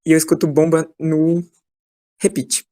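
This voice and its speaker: Woman, slightly low, enthusiastic chatterbox, video-call audio. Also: level tone, measured pace, warm tone. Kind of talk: casual chat in an online class.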